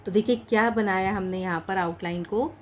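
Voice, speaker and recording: A woman teaching a shorthand lesson in Hindi mixed with English words. She speaks patiently, slowly says each practice word and repeats it. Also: medium pitch, a little hiss or hum. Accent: Indian English words mixed into Hindi.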